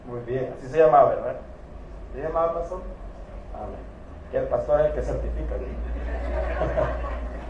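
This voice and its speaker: A man's voice: on the high side, fairly bright tone. A man preaching in church, telling stories playfully and voicing the characters himself. The sound is echoey, from a church hall, with faint noise in the background. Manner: storytelling with humor, acting out biblical figures. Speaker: pastor. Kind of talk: sermon.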